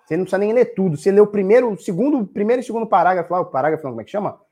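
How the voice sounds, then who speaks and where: A man's voice: sits high, expressive, rapid-fire, mellow. A man in his thirties with a Brazilian Portuguese accent, a live streamer ranting bluntly to his chat, swearing freely and repeating his points, a little tipsy. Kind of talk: casual profane rant.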